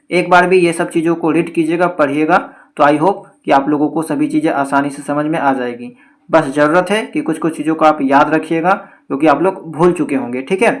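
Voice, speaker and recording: A man's slightly raised voice carries this Hindi grammar lesson for exam takers. He explains each point step by step and drops English words into his Hindi. He often checks in with his class as he goes. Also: a little high. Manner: explanatory, checks in with repeated "theek hai". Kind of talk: exam-prep lecture.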